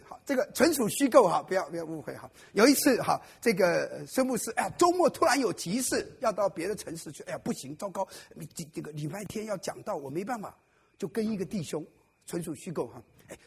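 Fast and very animated, a pastor with a high voice, vocal fry and a slightly rough edge addresses his congregation during a church service. His sermon is playful, full of jokes and questions thrown at the audience.

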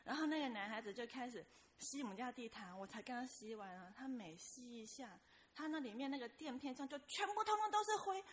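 A woman sharing a testimony at church in a casual, lively storytelling way, acting out the voices of the people in her story. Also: on the high side, a little fast, a little hiss or hum.

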